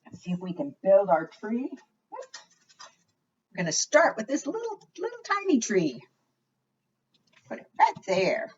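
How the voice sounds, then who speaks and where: A woman whose lowish voice has a breathy edge reads aloud at a preschool storytime. She reads expressively and asks her young listeners questions, and the sound is dull and lo-fi.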